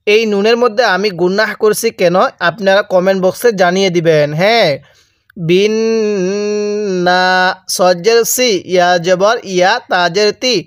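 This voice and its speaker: A man teaching Quran reading, spelling out letters slowly and prompting the listener to repeat after him. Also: high-pitched, no echo, clean studio sound. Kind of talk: recitation lesson, call and repeat.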